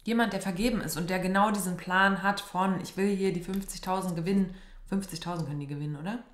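Young female reaction host, casual gushing commentary in a roomy space. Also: quick pace. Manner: chatty, gushing, swings high when excited. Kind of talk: casual commentary on a reality show. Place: small decorated room indoors.

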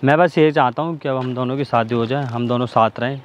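A man's voice: mid-range voice, fairly even intonation, fast talker, highs cut off, crowd noise. A young man in a staged vlog argument, pleading and insisting, swinging from coaxing to raised voice, with faint traffic noise outdoors. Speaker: vlogger. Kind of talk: staged couple-prank vlog, pleading and scolding.

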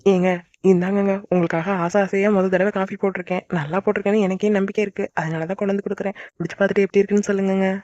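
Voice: medium pitch, little pitch movement, very fast, darkish tone, no echo, dull audio, close to an everyday voice. A voice actor playing a sweet young wife in a cartoon who pleads eagerly with her husband. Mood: sweet, pleading. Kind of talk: cartoon voice acting.

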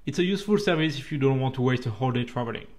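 A railway vlogger, a native French speaker with a French accent, narrates his own train trip report. His mid-range voice sounds relaxed and chatty, though it becomes slightly halting now and then.

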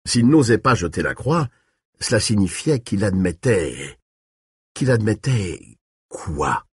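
A man narrating a dark audiobook in an expressive way, with shifting pace and tone. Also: on the low side, slightly rough, no echo, studio quality.

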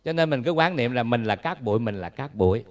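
A man's voice: mid-range voice, animated, fast. A man with a Southern Vietnamese accent, a Buddhist monk giving a dharma talk in a folksy, humorous way, telling stories and asking the audience questions.

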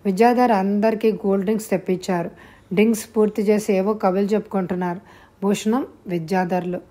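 A woman narrating a story aloud at a steady, measured pace. Her reading is calm and even. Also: medium pitch.

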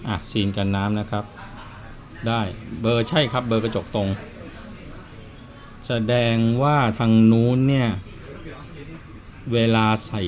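A man's voice: lowish voice, fairly even intonation, slow, pauses often, a little mellow. A man who repairs watches, talking casually and telling stories in a plain, chatty way while he works. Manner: chatty storyteller, plain spoken. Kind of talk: casual explanatory chat.

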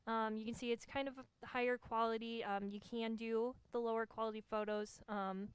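A young woman co-hosting a workshop, demonstrating software in an easygoing, self-deprecating way with lots of ums. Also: on the high side, fairly even intonation, normal speed, smooth, no room sound. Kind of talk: casual instructional talk.

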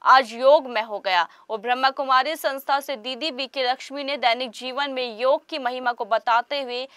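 A woman narrating a news report in a formal, even voice-over. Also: high-pitched, normal speed, clean tone, dry recording.

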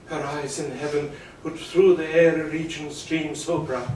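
A man reciting the role of Romeo, a young lover rapt and tender, in soft, hushed verse. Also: a little high, steady tone, a little slow, a little hiss or hum, close to an everyday voice. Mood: rapturous. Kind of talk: Shakespeare stage recitation. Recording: very echoey room, distant mic.

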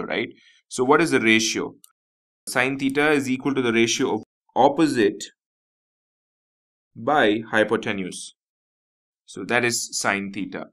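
Bright-voiced Indian English math teacher. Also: male voice, mid-range voice. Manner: explanatory, repeats key terms, frequent "nothing but" and "you know". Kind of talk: whiteboard math lesson.

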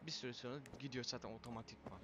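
A man casually commentating a video game for viewers, excitable and quick to shout and swear when frustrated. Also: medium pitch, background noise. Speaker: gaming video host.

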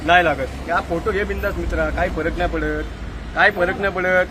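A man's voice: high-pitched, fairly even intonation, fairly quick, background noise. A man, a citizen activist, aggressively interrogating officials and repeating his demands while filming on his phone outdoors. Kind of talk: heated street confrontation. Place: outdoors on a busy street. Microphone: phone camera filming live.

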